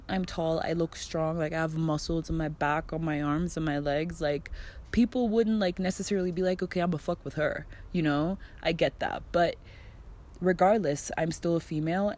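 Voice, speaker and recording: A woman's voice: sits low, a little mellow. A woman in her twenties from Germany, telling a casual vlog story in a chatty way, full of "like" and acted-out back-and-forth dialogue. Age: 20s. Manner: chatty, fills speech with "like" and "I'm like", acts out quoted dialogue. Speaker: vlogger.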